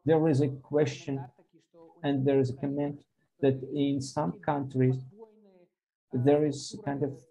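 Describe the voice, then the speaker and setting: A man giving live simultaneous interpretation of a panel discussion, halting and full of fillers and restarts as he keeps up with the speaker. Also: medium pitch, level tone, dark tone, low-quality recording.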